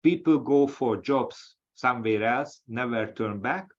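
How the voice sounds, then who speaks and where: Brief: Hungarian-accented male academic, halting webinar delivery, mid pitch, dull lo-fi audio. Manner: halting, with frequent restarts and fillers. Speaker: webinar speaker, associate professor. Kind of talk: lecture-style webinar talk. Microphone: video call.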